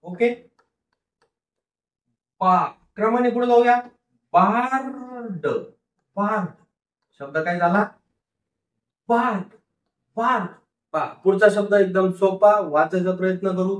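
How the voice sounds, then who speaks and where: A man teaches a phonics lesson, breaking words into syllables, repeating them, and posing questions to the class that he answers himself. His voice is high and measured in pace, with long pauses. The mic is far off, leaving a roomy echo.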